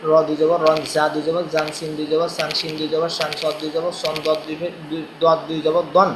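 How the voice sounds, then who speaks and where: A man's voice: fairly high pitch, monotone, fairly quick, background noise. A male teacher giving a recorded reading lesson, patiently chanting letter drills line by line. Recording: echoey room, faint ambience.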